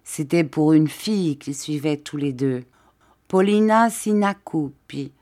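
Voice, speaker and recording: Slow flat-voiced tired corsican guy, deadpan and dragging, as a woman reads him. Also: sits low. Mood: grim. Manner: monotone, placid, dragging. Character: weary, coughing middle-aged Corsican man.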